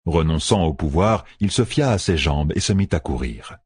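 A man narrating a fantasy audiobook in an expressive, storytelling manner, close to the mic. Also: very deep voice, normal speed, husky, no echo.

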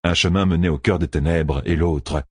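A man reading a fantasy audiobook in a measured, expressive storytelling voice. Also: deep voice, husky, no echo, studio quality. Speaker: audiobook narrator. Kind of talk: scripted fantasy audiobook narration.

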